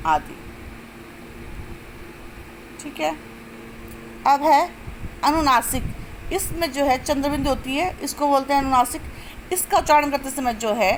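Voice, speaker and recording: A woman teaching a grammar lesson step by step, asking questions and answering them herself, and drawing out sounds slowly to show them. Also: high-pitched, slight background noise, poor audio. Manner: explains step by step, asks and answers own questions. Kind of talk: classroom-style lesson.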